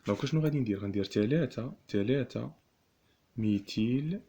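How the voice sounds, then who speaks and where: A man with a Moroccan Arabic accent teaching chemistry, repeating each term slowly and asking the class rhetorical questions. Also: medium pitch, mellow, slightly rough. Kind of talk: classroom lesson explaining notation.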